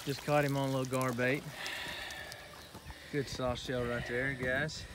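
A man's voice: medium pitch, flat delivery, measured pace. A man on a riverbank making short, laid-back remarks while out fishing with a friend. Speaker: fishing buddy. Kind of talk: casual chat. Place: riverbank outdoors. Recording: outdoor recording with clear background noise.

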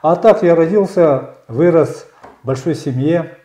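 A man in his sixties, a candidate answering interview questions in a measured storytelling way, often pausing with fillers. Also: on the high side, mellow, roomy sound. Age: 60s. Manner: measured, storytelling, frequent hesitations. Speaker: election candidate. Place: small bright studio.

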